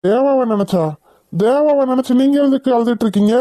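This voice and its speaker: Woman voicing a calm village father, cartoon. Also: high voice, fairly quick, no room sound, close to an everyday voice. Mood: puzzled. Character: calm middle-aged village father, mildly mocking. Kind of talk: cartoon voice acting.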